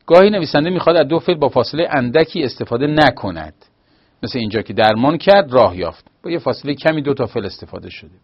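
A man teaches grammar in a patient, explanatory way, pausing now and then to find his words. His voice sits at an ordinary middle pitch. The recording is slightly dull and lo-fi. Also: animated, slightly rough. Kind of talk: grammar lesson.

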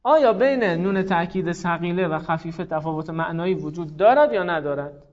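High-voiced male grammar teacher, lo-fi. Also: animated, darkish tone. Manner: explains patiently, recites verb conjugations in rapid drills. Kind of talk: classroom lecture. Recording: dull lo-fi sound.

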